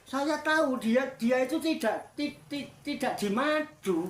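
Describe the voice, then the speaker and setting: A male Islamic cleric with a Javanese accent, leading a humorous religious discussion, teasing and animated, repeating phrases for effect. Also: very high voice, measured pace, roomy sound.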